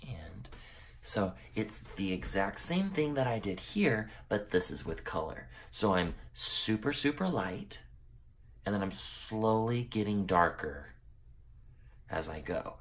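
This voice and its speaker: A man teaching a drawing lesson, explaining each step as he works, often checking in with "okay?" and dropping to a low mutter while he concentrates. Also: sing-song, slow pace. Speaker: art teacher.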